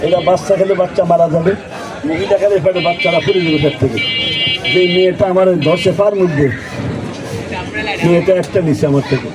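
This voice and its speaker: A man's voice: high voice, normal speed, long pauses. A man hawking medicine like a street barker, rattling off lists and asking his own questions. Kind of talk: street sales pitch. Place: outdoors on a city footpath. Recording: noisy outdoor street with crowd, traffic. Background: street crowd and vehicle noise.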